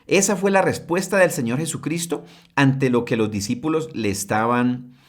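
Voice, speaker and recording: A man's voice: mid-range voice, normal speed. A man preaching a sermon in a mid-range voice, pressing his point with rhetorical questions. He checks in with his listeners often and leans hard on key phrases. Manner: emphatic, many rhetorical questions.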